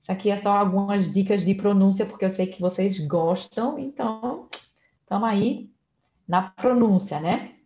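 A woman's voice: medium pitch, normal speed, mellow, echoey room, muffled recording. A woman teaching German in a casual online lesson, spelling out letters and explaining pronunciation step by step.

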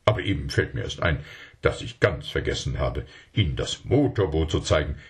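Ein Mann spricht einen schlauen, überredenden Verkäufer in einer Kindergeschichte, der eifrig um Geschäfte feilscht. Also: male voice, rumbling low, animated. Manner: wheedling, fast bargaining talk. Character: smooth-talking male salesman, scheming, persuasive.

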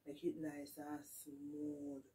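A woman's voice: sits low, monotone, slow, warm tone, faint music behind. Jamaican woman, recorded from a distance. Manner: emphatic, repeats points, slips into Patois. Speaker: vlogger. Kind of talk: casual advice chat to camera. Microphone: distant camera mic. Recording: distant camera microphone in a room.

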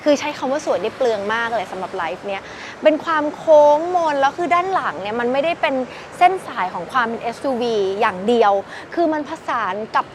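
Young woman, bright high register, effusive dealer-style car walkaround, slight background noise. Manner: chatty and gushing, addresses viewers directly. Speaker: used car sales presenter. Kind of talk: enthusiastic car walkaround review.

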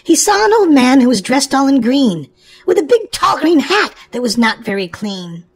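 Her voice sits high and carries a breathy edge, with big swings in pitch and a moderate pace. She's a children's show host reading a storybook aloud, exclaiming animatedly as though to little children.

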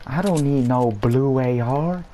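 A woman's voice: a bass voice, unhurried, mellow. A woman chatting casually with friends while playing a game, playful and often laughing as she calls out loot. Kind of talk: casual gaming chat. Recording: noisy home recording.

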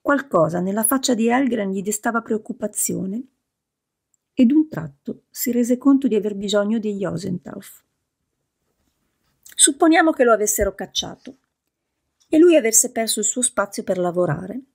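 Woman, audiobook narration, steady measured reading, middle pitch, gravelly, husky. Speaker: audiobook reader. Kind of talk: scripted narration.

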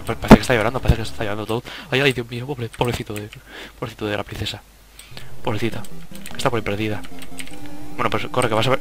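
A man's voice: medium pitch, fairly bright tone. A young man with a Spain Spanish accent giving casual let's play commentary, swearing and cutting himself off mid-sentence. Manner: casual, swearing, self-interrupting. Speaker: gaming YouTuber. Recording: game music behind the voice.

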